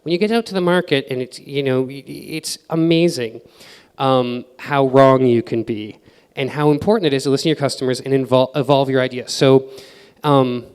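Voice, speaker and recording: A man's voice: mid-range voice, steady tone, moderate pace, darkish tone, clear, resonant tone. A man giving a casual conference talk full of fillers, mimicking other people's voices as he gives advice. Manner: casual, filler-heavy advice with acted-out quotes. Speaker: conference speaker. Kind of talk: conference presentation. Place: conference hall. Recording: reverberant hall.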